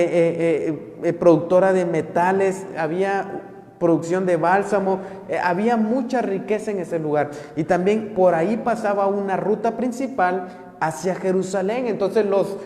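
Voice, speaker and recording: Earnest high-voiced man preaching in an echoey hall. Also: warm tone. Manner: earnest, repeats words and hesitates with frequent fillers; slows down to stress key phrases. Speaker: Bible teacher. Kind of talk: Bible study sermon. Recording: echoey room with long reverb.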